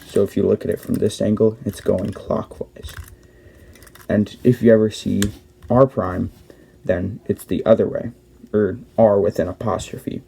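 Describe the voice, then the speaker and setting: Low, flat-voiced young man explaining. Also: unhurried, gravelly, slight background noise. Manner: plain, step-by-step, with restarts and self-corrections. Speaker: cube tutorial host. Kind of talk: casual tutorial narration.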